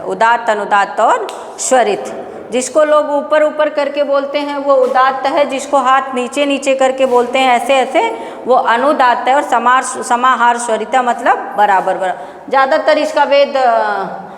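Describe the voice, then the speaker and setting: A woman teaching Sanskrit grammar for an exam-prep class, asking questions and answering them herself, sometimes drawing out sounds in a chant. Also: high-pitched. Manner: drawn-out chanting of example sounds. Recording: echoey room with long reverb.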